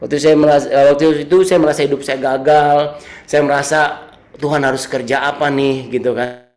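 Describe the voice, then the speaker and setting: A man's voice: mid-range voice, fairly even intonation, fairly quick, a little mellow. A man in his thirties giving a casual sermon with a personal story, chatty, repeating his phrases and teasing his young listeners. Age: 30s. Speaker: youth service speaker.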